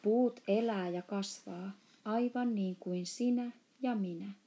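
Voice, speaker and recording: A big, soft-hearted male giant from a storybook talks in a mellow, warm voice, as a woman reading aloud puts him on. He trips over his grammar and invents words of his own, and his voice stays gentle and unhurried. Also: medium pitch, close to an everyday voice. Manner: mangled grammar and made-up words.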